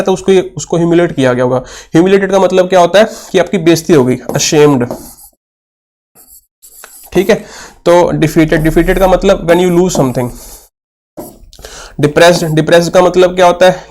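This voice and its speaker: With a voice on the high side and a little mellow, a young man gives an exam-prep English lesson, solving questions aloud. He reads them slowly, explains answers patiently and questions himself before answering. He switches between Hindi and English terms.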